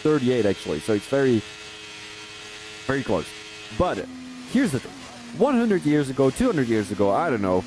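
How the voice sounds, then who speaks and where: A Belgian man commentates live on a sim racing league race, wandering into chatty asides and getting excited when cars overtake. His voice is mid-range and moderately paced with long pauses, and the recording quality is low.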